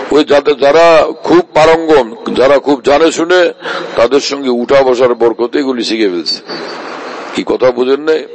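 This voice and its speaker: A man's voice: on the high side, poor audio. A man preaching a sermon, asking his listeners again and again whether they understand. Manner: rhetorical, repeats "do you understand" to listeners.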